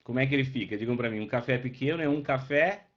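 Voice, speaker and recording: Here a man with a mid-range voice talks fast, running a live online class and patiently asking his students how they're doing as he explains. The audio, picked up by a webcam microphone, sounds dull and lo-fi.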